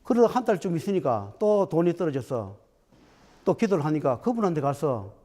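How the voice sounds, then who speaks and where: A man's voice: on the high side, sing-song, fairly quick, warm tone. A man, a Buddhist dharma teacher, telling stories in a talk and acting out the quoted dialogue. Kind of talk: storytelling talk.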